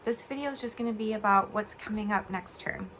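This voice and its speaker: Lying in bed at home, a young adult homeschool vlogger rambles and giggles, her speech a bit slurred and funny because her mouth is swollen after oral surgery. Her voice is medium-pitched, fairly bright and a little fast. The recording is low quality with a faint hiss or hum.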